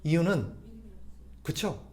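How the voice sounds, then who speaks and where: Animated male Korean pastor preaching. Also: fairly high pitch, takes it slowly. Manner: rhetorical questions to the congregation, swinging between loud emphasis and soft drops. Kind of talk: sermon.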